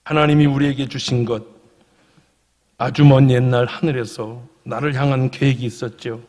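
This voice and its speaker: Pastor in his 50s, emotive sermon delivery from whisper to shout, long church-hall reverb. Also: mid-range voice, steady tone, normal speed. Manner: emotive, swings from hushed whispers to loud exclamations. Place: church sanctuary.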